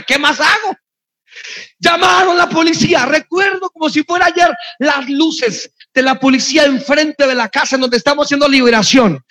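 A man preaching a sermon, impassioned and often shouting as he tells stories. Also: extremely high pitch.

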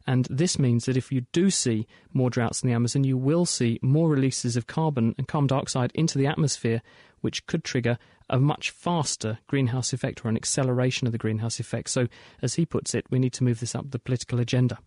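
A British man presents a science programme in a bright, curious manner. His mid-pitched voice sits in a dry studio sound as he explains things clearly to listeners. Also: fairly even intonation, brisk, dry recording. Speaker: science show host. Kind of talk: scripted science radio presenting.

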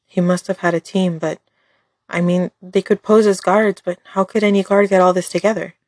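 A woman's voice: lowish voice, flat delivery, moderate pace, darkish tone, no room sound, clean studio sound, lightly acted. A woman voicing a strong, composed young woman who speaks with restraint in an audio drama story. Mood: suspicious.

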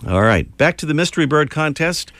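A man's voice: on the high side, sing-song, a little fast, a bit bright, dry recording. Jokey male radio host. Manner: jokey, easygoing. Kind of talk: casual radio show hosting.

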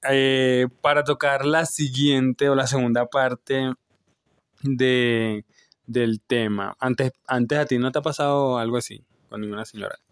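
A young man co-hosts a laid-back podcast, rambling through stories full of fillers and restarts and laughing a lot. His medium-pitched voice stays fairly even and unhurried, with a clean studio sound and no room echo.

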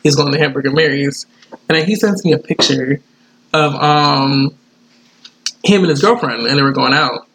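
A young man chatting casually with coworkers and telling animated, playful stories. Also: fairly high pitch, moderate pace, pauses often, rough recording. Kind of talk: casual chat.

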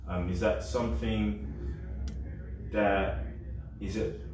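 A man's voice: lowish voice, fairly even intonation, slow pace, a little mellow. A man hosting a casual interview, informal and slangy, throwing in interjections. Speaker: interviewer, host. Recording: echoey room, distant mic, faint noise.

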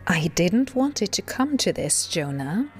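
A woman's voice: fairly low pitch, sing-song, unhurried, soft background music. A woman playing a disembodied, commanding voice of God who narrates and coaxes in an audio drama. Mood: commanding, exasperated.

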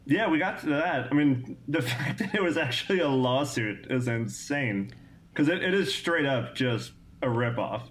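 A man appears as a comedian guest in a casual podcast chat. He jokes in quick bursts, often restarting his sentences. His voice is at an ordinary middle pitch. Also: expressive, fairly bright tone.

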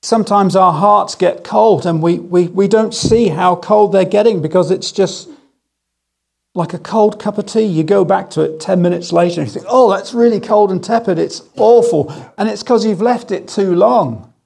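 A middle-aged man preaching a sermon, telling stories with gentle humour and slowing down on key phrases. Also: high voice, creaky. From England. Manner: storytelling with gentle humour, slow emphatic phrases. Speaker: guest speaker.

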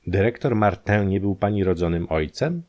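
A man voicing a calm, matter-of-fact detective who asks measured, businesslike questions in an audiobook. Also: low voice.

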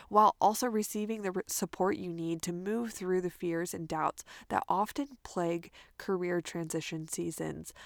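Woman, career coach, podcast host, earnest, upbeat, filler-heavy, low voice, dry close sound. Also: vocal fry, no room sound. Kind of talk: casual solo podcast monologue.

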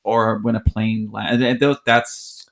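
A man's voice: fairly low pitch, level tone, takes it slowly, a bit bright. A man co-hosting a casual podcast, reading out listener submissions in an easygoing way and laughing often. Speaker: podcast co-host.

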